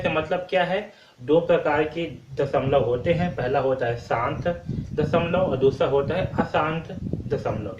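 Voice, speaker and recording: A male maths teacher working through a problem step by step, asking himself questions and checking in with "ठीक है" all the time. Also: fairly high pitch. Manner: repeats questions and answers them himself, frequent "ठीक है" checks. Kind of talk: step-by-step board lesson. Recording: echoey room, distant mic, muffled sound, noisy.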